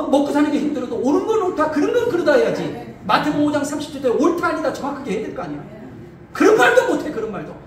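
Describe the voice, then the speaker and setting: Male pastor from Chungcheong, combative lecturer, pitch swings widely, captured from afar in a very echoey hall with faint noise. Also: recorded from a distance. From Chungcheong, Korea. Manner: combative, rhetorical questions, repeats phrases. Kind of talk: political lecture to an audience.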